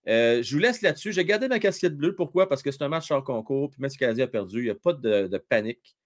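A man's voice: mid-range voice, lively intonation, fast. A man with a Quebec French accent hosting a casual live hockey stream, joking and reading viewers' comments aloud. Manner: chatty, jokey, reads viewer comments aloud, many fillers.

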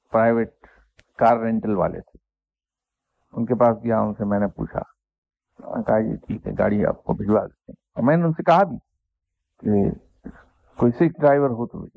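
A man, a spiritual teacher telling an anecdote and reflecting on faith in an unhurried, self-deprecating way. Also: mid-range voice, no echo. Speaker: spiritual teacher answering questions. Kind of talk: anecdotal storytelling and religious reflection. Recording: dry, tinny phone-like sound.

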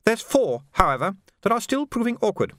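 A man voicing a poised, scheming older woman who is a society hostess, speaking smoothly and graciously. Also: sits high, sing-song, brisk, no room sound, clean studio sound, voice pushed up. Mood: gracious, sly. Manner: smooth, gracious, quietly commanding.

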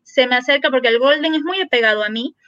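A woman veterinarian guest on a podcast, telling a lively story and acting out the dialogue in quoted voices. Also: sits high, quick pace, no room sound, highs cut off.

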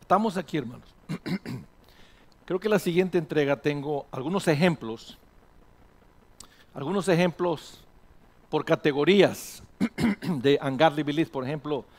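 A male pastor preaching a sermon to his congregation in an animated way, dropping in English words now and then. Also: on the high side, a little slow, long pauses. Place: church sanctuary with congregation.

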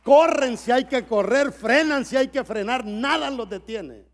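This middle-aged preacher from El Salvador speaks with an extremely high pitch and an unhurried delivery. His sermon at a church conference moves from hushed storytelling up to shouted exhortation.

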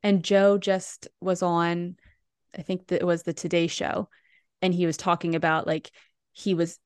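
Lady podcast cohost, lower voice, rambly casual theater chat, dry mic. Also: level tone, a little slow, clear, resonant tone, no echo. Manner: chatty, lots of "like" and restarts. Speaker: podcast co-host.

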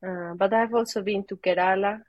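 Speaking English with a Peruvian Spanish accent, a Peruvian yoga teacher chats as an interview guest, hesitant and searching for words despite a brisk pace. Her mid-range voice stays steady, with no room sound in the recording.

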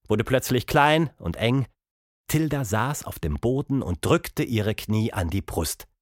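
A man narrating a children's audiobook with expressive storytelling. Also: fairly low pitch, dry recording, clean studio sound.

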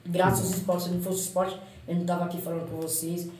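A woman with a Brazilian Portuguese accent, interviewed as a runner, tells stories in a lively, exclamatory way and swears freely. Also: lowish voice, rapid-fire, reverberant, slight background noise, rough recording. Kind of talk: animated storytelling.

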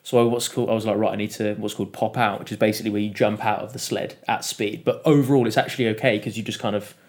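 A man with a lowish voice tells a story in a relaxed podcast chat. He is animated, laughs often and acts out what others said. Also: rapid-fire. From United Kingdom. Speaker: podcast guest. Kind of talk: casual storytelling interview.

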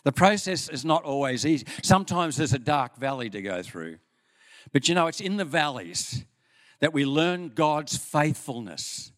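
Older Australian man preaching a sermon. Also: a little high. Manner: folksy storytelling, lively with pauses. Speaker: pastor. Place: church hall.

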